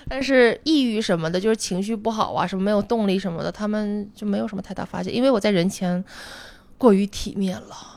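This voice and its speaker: A woman's voice: medium pitch, fast, gravelly, darkish tone. A woman comedian in a casual podcast chat, telling candid stories and often laughing. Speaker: stand-up comedian guest.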